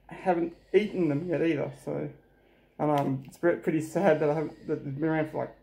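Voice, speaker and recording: A man's voice: fairly high pitch, fairly even intonation, fairly quick, vocal fry, dark tone. A man in his thirties with an Australian accent, casually hosting a snack review at a kitchen table. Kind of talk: casual chat, product review. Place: small domestic kitchen, indoors. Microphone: camera mic at table distance. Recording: noisy room, bag crinkling.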